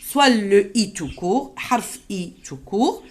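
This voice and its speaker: A woman teaching French pronunciation to children, repeating each word slowly and clearly. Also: medium pitch, expressive. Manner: slow, deliberate repetition of words for learners; switches to quick Moroccan Arabic asides.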